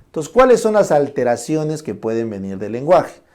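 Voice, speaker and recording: A man giving a classroom lecture on medical terms. He explains each term slowly and keeps checking in with short tag questions. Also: mid-range voice, big pitch swings, a little mellow. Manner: explains terms slowly, then shows them aloud.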